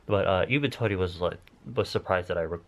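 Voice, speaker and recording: A man's voice: deep voice, quick pace. A man chatting casually to camera as a vlogger, congested from nose surgery, with playful, campy asides. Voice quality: congested, blocked-nose sound after nose surgery.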